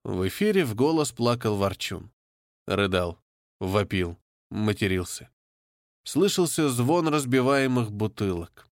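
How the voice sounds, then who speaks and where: A man narrating a first-person audiobook in a steady, measured way. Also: fairly low pitch, dry recording, studio quality.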